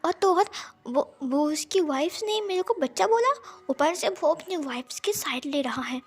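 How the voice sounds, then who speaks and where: A woman voicing a shrill bratty young prince. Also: lively intonation, brisk, darkish tone, soft background music. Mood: sulky. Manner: shrill, indignant outbursts. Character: bratty young male prince, hot-tempered.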